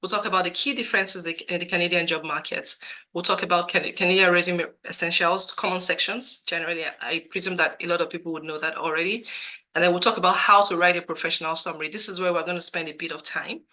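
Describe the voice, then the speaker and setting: The audio is poor as a Nigerian woman, a career coach, hosts a live webinar over a video call using her computer mic. Her low-leaning voice is fast, steady, pushed, and bright, though a cold has cracked it a little, and she earnestly repeats herself to drive points home.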